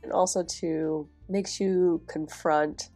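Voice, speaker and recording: With soft music playing underneath, a young planner vlogger narrates her planner decorating in a deep voice, taking her time. A cold makes her sound stuffy and nasal, yet she stays chatty and relaxed, laughing softly as she goes.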